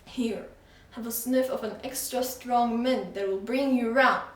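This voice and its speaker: A woman's voice: a little high, steady tone, lightly acted. A woman doing a jolly, dramatic shopkeeper. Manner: drawn-out, dramatic emphasis. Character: jolly, excitable male shopkeeper. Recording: echoey room, voice from far off.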